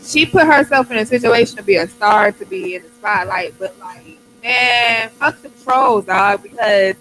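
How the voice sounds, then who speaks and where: A man hosting an internet radio show, chatting casually in animated, slangy banter. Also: sits high, normal speed, rough recording. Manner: animated, slangy, talks over others.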